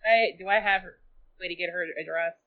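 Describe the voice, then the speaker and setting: A woman's voice: on the low side, steady tone, brisk. Woman player on a dull lo-fi line. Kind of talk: playing a tabletop game. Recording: dull lo-fi sound.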